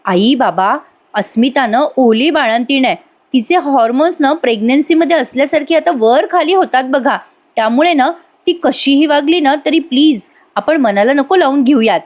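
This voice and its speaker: A woman's voice: sits high, lively intonation, moderate pace, pitched above the performer's own voice. A woman voicing a scheming young woman who sweet-talks her in-laws. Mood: sugary.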